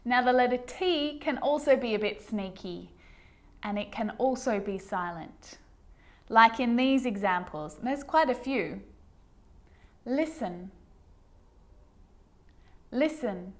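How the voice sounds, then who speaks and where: Slow, deliberate woman teaching pronunciation. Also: fairly high pitch, expressive. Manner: models words twice, clearly and deliberately. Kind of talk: slow instructional explanation.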